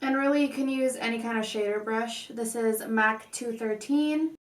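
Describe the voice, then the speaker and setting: A woman's voice: fairly high pitch, moderate pace. A woman hosting a casual makeup tutorial, speaking with slightly odd, constrained articulation. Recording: echoey room, distant mic.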